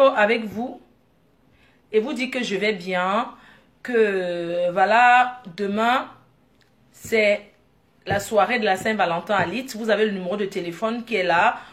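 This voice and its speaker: Woman vlogger, higher-pitched voice, lively laughing storyteller with excited outbursts. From Africa. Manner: animated, laughing, bursts into excited exclamations. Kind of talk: casual vlog storytelling.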